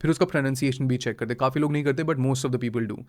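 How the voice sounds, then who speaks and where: A man's voice: mid-range voice, fast. A man in his thirties, a language trainer, talking in a podcast interview, mixing Hindi and English and laughing often. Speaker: IELTS trainer guest.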